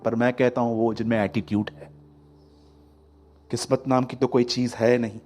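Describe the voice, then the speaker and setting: A man preaching a sermon, telling stories and swinging between loud and hushed delivery. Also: medium pitch. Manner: lively storytelling, acting out quotes, swings from loud to hushed. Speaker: pastor.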